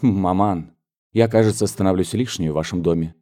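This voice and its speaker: A man reading an audiobook, voicing a proud, easily angered elder sister who speaks in sharp, indignant outbursts. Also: deep voice, moderate pace, close to an everyday voice.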